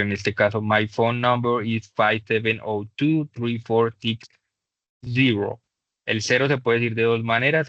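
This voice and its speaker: Lower-voiced man teaching English, patient. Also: fairly bright tone, no room sound. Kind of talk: online class lesson. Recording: dull dry lo-fi mic.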